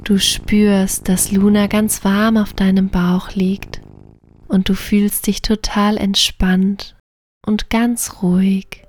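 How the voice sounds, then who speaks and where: A woman narrating a bedtime sleep story and guided relaxation in a gentle, soothing, partly near-whispered voice. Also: medium pitch, level tone, slow.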